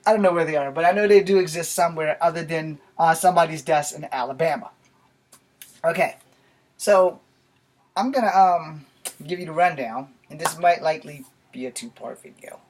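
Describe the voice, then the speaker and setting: A YouTube vlogger in his forties, this American man talks at a moderate pace in a voice on the high side. He rambles casually to camera in a small bedroom, and the home camera a few feet away picks up noise and clicks.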